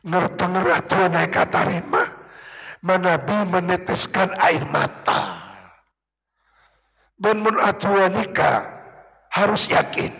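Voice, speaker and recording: A man's voice: high voice, gravelly, a bit bright. A man teaching Quran commentary, drawing out Arabic phrases and pleading in prayer. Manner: slow, drawn-out chanting of Arabic, emotional pleading prayers. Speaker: kyai teaching tafsir. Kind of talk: pesantren kitab study sermon. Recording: long hall reverb.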